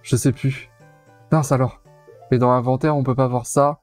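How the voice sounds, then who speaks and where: A man's voice: mid-range voice, fairly even intonation, normal speed, a little mellow, soft background music. A man giving casual, chatty commentary while streaming a video game, repeating himself and using many fillers. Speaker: let's play streamer.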